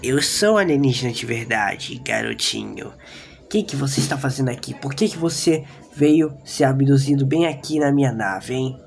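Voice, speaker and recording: A man voicing a friendly male alien who talks slowly in a low, calm, sly way. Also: creaky.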